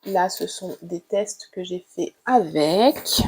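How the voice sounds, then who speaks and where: A woman casually showing her drawing supplies in a vlog, talking gently and hesitantly with many fillers. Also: lowish voice, husky. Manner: hesitant, with frequent "euh" fillers; unhurried and gentle. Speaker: art vlogger. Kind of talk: casual show-and-tell about drawing supplies.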